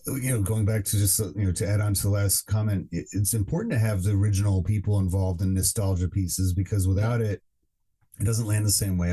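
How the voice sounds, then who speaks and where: A man with a low, very mellow and dark voice co-hosts a podcast. He talks in a loose, rambling way, full of "you know" and restarts as he works through his points. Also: breathy edge. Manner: rambling, many fillers and restarts. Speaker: podcast co-host. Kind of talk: casual podcast chat.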